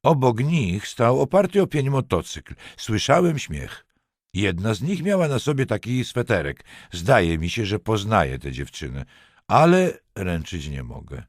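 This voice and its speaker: A man's voice: on the low side, sing-song, a little slow, no room sound, studio quality, voice pushed up. A man voicing an elegant retired older army officer who speaks carefully and stresses each syllable. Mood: recounting. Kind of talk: audiobook character voice.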